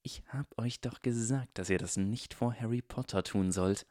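A man's voice: mid-range voice, big pitch swings, moderate pace, pitched above the performer's own voice. Man doing a muttering, polite hulking henchman.

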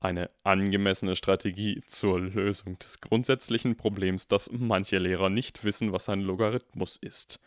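Guy doing a deadpan dad, mock-formal, a bit set back from the mic. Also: low-pitched, moderate pace, few pauses, no echo, studio quality, close to an everyday voice. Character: amused, bantering father, mock-formal. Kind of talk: audiobook character reading.

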